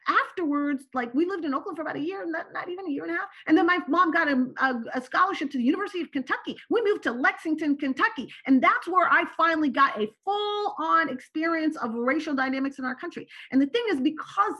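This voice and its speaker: Talking fast with few pauses, a high-pitched Turkish-native woman shares personal stories as a podcast guest over dull-sounding audio. She's lively and habitually tacks "right?" onto her phrases.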